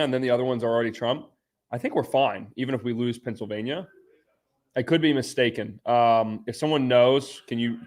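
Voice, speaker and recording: Casual, blunt male live streamer. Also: mid-range voice. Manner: informal, blunt, bro-style slang.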